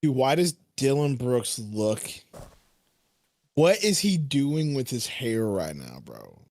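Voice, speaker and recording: A man's voice: medium pitch, very animated, takes it slowly, a little mellow, no room sound. A man co-hosting a podcast, chatting in a laid-back, slangy way during a live game reaction. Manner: laid-back, slangy, ends lines with "bro". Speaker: podcast co-host.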